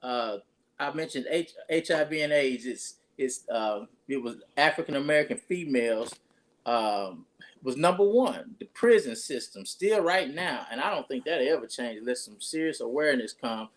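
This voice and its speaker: A man's voice: medium pitch, lively intonation, moderate pace. A pastor, talking casually and rambling through his introduction of a guest with many restarts.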